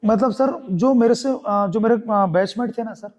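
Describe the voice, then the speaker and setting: A young man with a Chhattisgarhi Hindi accent tells his story in a podcast interview. His voice sits high, and he keeps acting out the people he quotes. It is an easy, conversational telling. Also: unhurried, darkish tone. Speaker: guest theatre artist.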